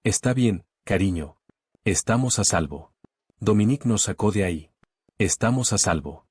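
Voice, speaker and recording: A man's voice: lowish voice, expressive, normal speed, darkish tone, husky, dry recording, clean studio sound. A man voicing a fierce, devoted young mother who speaks firmly. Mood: soothing. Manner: firm and commanding.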